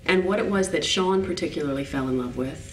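A set designer in her forties is interviewed behind the scenes on an indoor studio set, speaking in a deep voice at an unhurried pace and pausing to find her words. She stands well back from the mic, and the large interior wraps her in a roomy echo. Her description is thoughtful, with faint music in the background.

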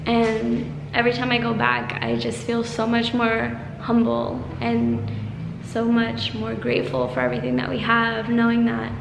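A woman's voice: fairly high pitch, level tone, normal speed, gravelly, noisy background. A young woman vlogging casually outdoors on a handheld camera, chatty, laughing often and a bit out of breath from walking. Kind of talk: casual vlog narration. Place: outdoors on a rural hillside and dirt road.

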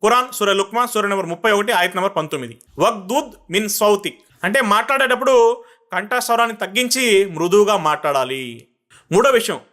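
Bright, high-voiced male preacher. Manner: slow, measured recitation of Arabic verses; lists numbered points, then recaps them quickly. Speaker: Islamic preacher. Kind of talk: religious talk.

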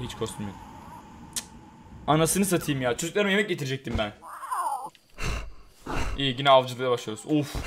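A man doing live let's-play commentary, excitable, swinging between loud frustrated outbursts and low muttering, swearing and talking to the game as he plays. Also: slight background noise. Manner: swears often, talks to the game. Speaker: gaming YouTuber.

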